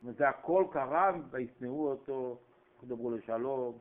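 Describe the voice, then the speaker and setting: A man giving a sermon in dramatic storytelling style, acting out voices with sudden jumps in pitch. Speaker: preacher. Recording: tinny phone-like recording.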